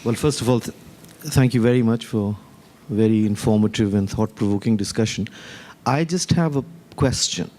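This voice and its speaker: Deep, mellow man asking formally. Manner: formal, deliberate. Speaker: audience questioner.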